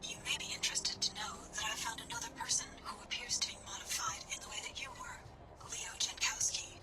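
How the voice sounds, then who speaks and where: Guarded mysterious pilot, whispery, lively pitch, loud music behind. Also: female voice, a little fast, poor audio. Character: mysterious woman pilot on a search.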